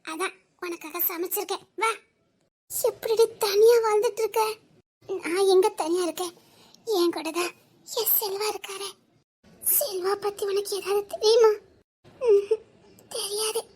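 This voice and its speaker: A woman's voice: very high voice, measured pace, long pauses, a little mellow. An actress playing a grieving young woman talking with her friend, with an emotional, tearful delivery. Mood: hushed. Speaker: actress in a family drama. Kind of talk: melodramatic dialogue scene.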